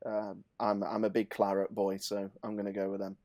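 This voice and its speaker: A man from England co-hosting a betting podcast, laying out stats emphatically and dropping into quieter asides. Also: lowish voice, monotone, a little fast, no room sound, studio quality. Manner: emphatic, builds lists of stats, then drops to asides. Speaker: podcast co-host, betting tipster. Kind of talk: casual football betting chat.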